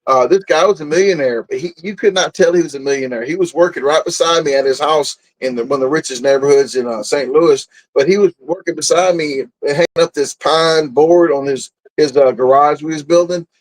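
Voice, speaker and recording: A blunt, boastful man, talking casually as an interview guest. His voice sits a little high for a man, and he tends to laugh at himself mid-story. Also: a little fast, few pauses, poor audio. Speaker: guest, food and camping content creator.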